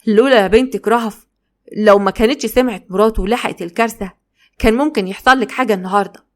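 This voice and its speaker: A woman's voice: on the high side, fast talker, lightly acted. A woman with an Egyptian Arabic accent voicing an anxious middle-aged mother who pleads and soothes. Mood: pleading.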